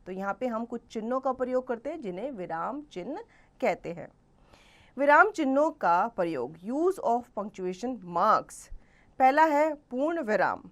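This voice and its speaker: A woman gives a grammar lesson to young children, speaking at a middle pitch in a patient, clear way. She slows right down to spell out each example sentence. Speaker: teacher.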